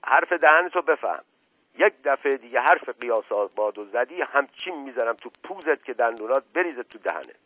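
A man voicing a hot-headed loyal middle-aged male servant who shouts in rustic speech. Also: on the low side, no echo, lightly acted. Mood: shouting. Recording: tinny phone-like radio sound.

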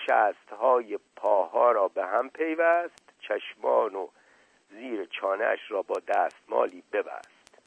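A man's voice: medium pitch, breathy edge, no echo. Man narrating a story over a tinny line. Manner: measured, formal storytelling. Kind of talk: scripted narration. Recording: tinny, dry, phone-like old radio.

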